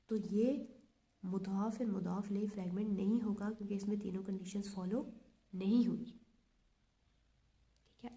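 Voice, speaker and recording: A woman's voice: mid-range voice, creaky, mellow. A woman teaching a grammar lesson, stepping through examples methodically and repeating each check aloud.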